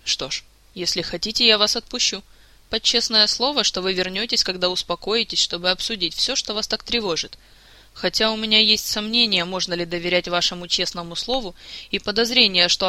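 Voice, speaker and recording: A stern old court wizard who lectures in measured, formal sentences, voiced by a man reading the story. His tone is reproachful and commanding, bright and close. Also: high-pitched, steady tone, clean tone, no echo.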